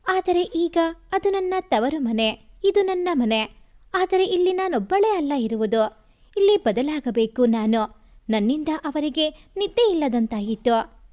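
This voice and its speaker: High-voiced woman narrating a story. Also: a little slow. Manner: expressive, emotional reading.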